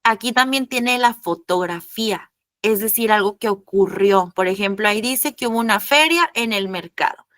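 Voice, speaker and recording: A woman's voice: mid-range voice, moderate pace, a bit bright, no echo. A woman teacher, explaining a lesson in an online class, chatty and addressing the students directly.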